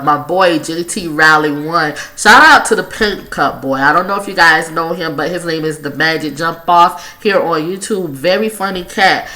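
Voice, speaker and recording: A young woman with a low-pitched, forceful voice talks casually to her viewers as a vlogger. Her delivery is bright and informal, full of slang and loose swearing. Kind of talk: casual chatty vlog shout-outs.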